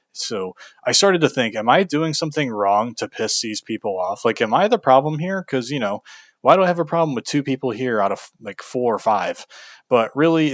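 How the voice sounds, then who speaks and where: A man's voice: lowish voice, fairly bright tone, dry recording. A young man from Kentucky telling a frank, casual story about a bad job, venting with fillers and the odd curse. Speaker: video host.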